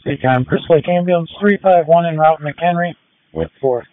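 A man's voice: fairly high pitch, moderate pace, no echo. A man on an ambulance crew calling in over two-way radio in clipped, procedural phrases. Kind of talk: ambulance radio dispatch call. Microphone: radio handset. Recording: narrowband two-way radio, static, clicks.

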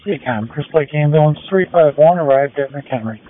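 A man's voice: a little high, expressive, fairly quick. A man on an ambulance crew calling in over two-way radio in clipped, procedural phrases. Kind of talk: ambulance radio dispatch call. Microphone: radio handset. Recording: narrowband two-way radio, static, clicks.

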